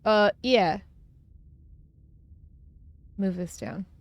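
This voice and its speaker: A woman's voice: medium pitch, drawn-out words, no room sound. A young woman streaming from home and chatting casually on a close desk mic, rambling with lots of fillers and frequent laughs. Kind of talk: casual chat while gaming.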